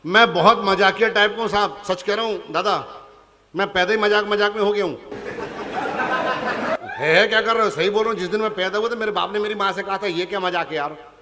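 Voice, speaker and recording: On stage in a large hall before a live crowd, a comic poet from Punjab recites funny verse and teases the audience directly. His voice sits high with a steady tone, and he talks a little fast. Heavy background noise fills this live recording.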